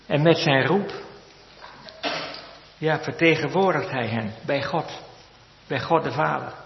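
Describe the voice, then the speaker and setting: A man preaching a sermon in a church, slow and measured with solemn repetitions. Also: fairly high pitch, gravelly, slight background noise. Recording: echoey church hall, lo-fi sound.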